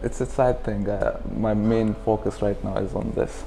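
On a lapel mic in a furnished lounge, a twenty-something clothing brand founder from the UAE explains things informally as an interview guest. He speaks at a moderate pace in a lowish, gravelly, mellow voice with fairly even intonation. A little hiss or hum can be heard.

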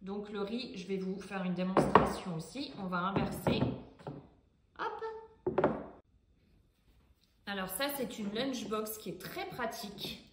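A middle-aged woman giving a casual, chatty product demonstration in her home kitchen, pausing often with fillers. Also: medium pitch, lively intonation, very noisy. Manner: chatty, hesitant with frequent fillers. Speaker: cooking vlogger demonstrating a product.

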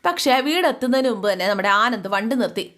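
A woman's voice: on the high side, animated, fast talker, fairly bright tone. Chatty woman retelling a story. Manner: chatty, addresses listeners directly. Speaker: storyteller recapping a serial.

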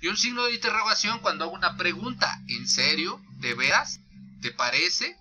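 A man with a Mexican accent teaching a punctuation lesson, reading examples slowly and naming each punctuation mark aloud. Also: high-pitched, lively intonation, sharp tone. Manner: slow, deliberate dictation of examples with punctuation named aloud; thinks aloud with restarts and fillers.

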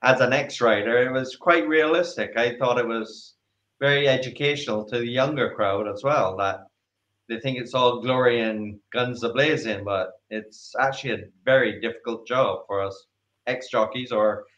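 A man's voice: mid-range voice, normal speed, a bit bright. A man hosting a talk show, asking casual questions with brief reactions and laughs. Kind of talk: casual interview. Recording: echoey, muffled audio.

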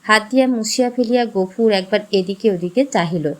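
A woman storyteller giving an expressive, measured scripted narration of a classic short story. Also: medium pitch.

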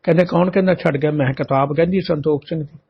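A man delivers a spiritual talk, his voice slightly husky and set a little higher than most men's. He tells stories with animation, playing out both sides of remembered exchanges. The recording is muffled and lo-fi. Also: fairly even intonation, very fast. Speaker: katha preacher. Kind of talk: religious storytelling talk.

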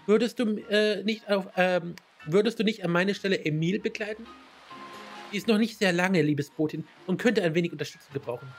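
A man's voice: sits high, brisk, faint music behind. A man voicing an earnest, worried female festival organizer in a plain reading voice.

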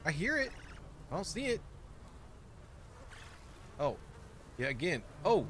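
Brief: young male gaming host, jokey, reactive, slightly raised pitch. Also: slow, slight background noise. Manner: excitable, jokey, exclaims often. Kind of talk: let's play commentary.

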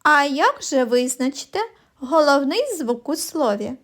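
Slow high-voiced woman teaching children. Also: expressive, fairly bright tone. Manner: slow, clear sing-song explaining. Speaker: primary school teacher. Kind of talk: children's phonics lesson.

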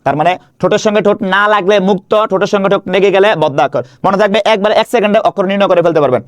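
A man's voice: sits high, racing, no room sound. A man teaching Bangla grammar in an online video lesson, drilling students with repeated questions and answers. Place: indoor room.

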